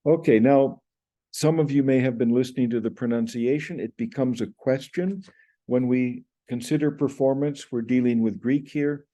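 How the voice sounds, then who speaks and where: An older man gives an explanatory lecture on Greek pronunciation to a webcam indoors, gesturing with his hands and reciting Greek sounds. His mid-range voice is dark in tone, steady and moderately paced.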